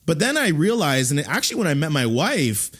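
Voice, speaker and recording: A man in his thirties hosting a podcast, talking in animated bursts with frequent restarts. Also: fairly high pitch, brisk, slightly rough. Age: 30s. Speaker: podcast host. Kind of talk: casual interview chat.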